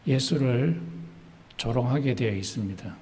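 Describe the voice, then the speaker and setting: A male pastor preaching a sermon slowly and deliberately, pausing often with "uh" fillers. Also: medium pitch, darkish tone. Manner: slow, deliberate preaching with many pauses and "uh" fillers. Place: church sanctuary. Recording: church hall reverb, faint noise.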